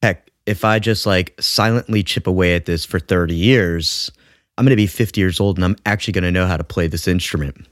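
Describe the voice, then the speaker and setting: A man's voice: low voice, fairly quick, dry recording, studio quality. A man in his thirties, a musician guest talking casually on a podcast, with many fillers and restarts. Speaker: guest bassist.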